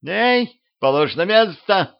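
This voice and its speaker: A shrill severed head of a woman, as a man puts her on. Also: lively intonation, slow, vocal fry, dull audio, full character voice. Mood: shrieking. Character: cheeky blonde woman's severed head on a wall.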